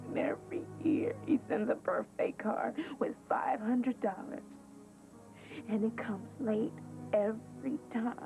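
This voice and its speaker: An actress playing a teenage girl in her senior year who longs for her mother's approval, speaking haltingly and confidingly, heard from a worn VHS tape copy. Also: a little high, gravelly, mellow. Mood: hurt. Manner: halting, confiding, pausing to find words. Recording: muffled lo-fi worn videotape sound with faint music.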